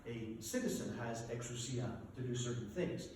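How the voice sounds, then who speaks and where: Animated priest preaching in an echoey church. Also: male voice, medium pitch, normal speed, far from the mic, noisy background. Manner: animated, emphatic preaching with rhetorical questions. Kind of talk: sermon. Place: church sanctuary.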